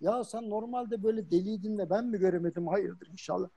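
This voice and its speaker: A man's voice: high-pitched, steady tone, fast talker, mellow, slightly rough, dry recording, muffled recording. A man doing a weary, muttering boyfriend. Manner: muttering, exasperated. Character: weary young man trying to break up. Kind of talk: comic sketch reading.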